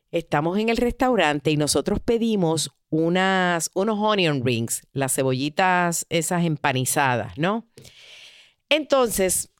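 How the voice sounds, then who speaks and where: A woman giving relationship advice through an animated story, acting out the voices of the people in it. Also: on the low side, clean tone, no echo, clean studio sound. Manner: animated, acts out quoted voices.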